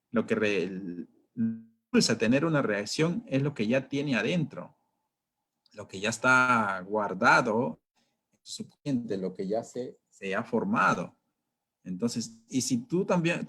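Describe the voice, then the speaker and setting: A man leads a training session in a relaxed, conversational way. He keeps checking in with his listeners through rhetorical questions. Every so often he acts out an angry driver shouting. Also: medium pitch, husky. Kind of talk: training talk.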